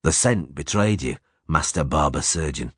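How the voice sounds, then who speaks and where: A man's voice: very deep voice, animated, normal speed, a bit bright, breathy edge, no echo, studio quality, voice pushed down, exaggerated voice. A man voicing a hardened male monster hunter who talks in terse, clipped commands. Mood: stern.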